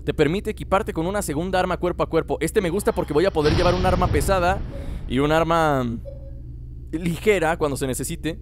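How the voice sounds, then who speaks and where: A man's voice: fairly high pitch, fairly quick, background noise. A young man giving chatty, joking let's play commentary, laughing often. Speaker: gaming channel host.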